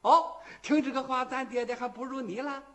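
A man's voice: extremely high pitch, a little fast, a bit bright. A man voicing an earnest, timid young man who pleads eagerly with his older sworn brother in rhythmic storytelling.

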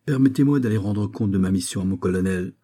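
A man playing a brisk, formal army captain. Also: on the low side, dark tone, breathy edge, no echo.

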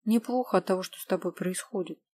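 A woman reading the part of a gentle young woman who pleads earnestly, with a husky voice. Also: mid-range voice, fast talker, close to an everyday voice.

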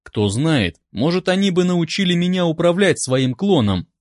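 A man calmly reading a first-person audiobook in an even, wry manner, close to a studio mic. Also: a little high, normal speed, dry recording. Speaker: audiobook narrator.

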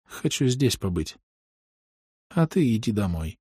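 A man voicing a wild, desperate young woman in an audiobook, shrill and taunting. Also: very animated, a little slow, warm tone, breathy edge, no echo, clean studio sound, full character voice. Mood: weak quiet. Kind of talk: audiobook reading.

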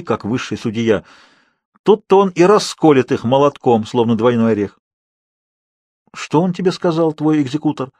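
A man narrating a novel as an audiobook reader, in a measured, dryly ironic manner. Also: mid-range voice, a little mellow, slightly rough, dry recording, clean studio sound. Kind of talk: scripted narration.

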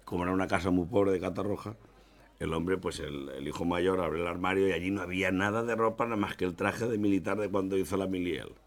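A man tells jokes in a relaxed, colloquial way. His voice sits somewhat low for a man, and his delivery is chatty. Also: fast. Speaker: joke teller. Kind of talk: telling jokes.

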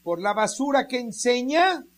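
Here a radio preacher with a medium-pitched voice delivers an unhurried, drawn-out, emphatic sermon, very animated throughout. He relies on rhetorical questions and speaks directly to the people listening.

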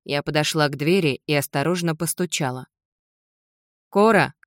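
A woman narrating an audiobook in the first person, in an even, measured storytelling voice. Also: sits low, no room sound, clean studio sound.

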